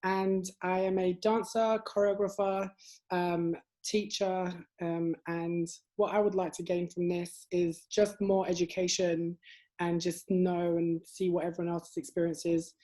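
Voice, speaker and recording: A man with a London accent, a panel guest on a video call, relaxed and friendly. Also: high-pitched. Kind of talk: casual video-call discussion.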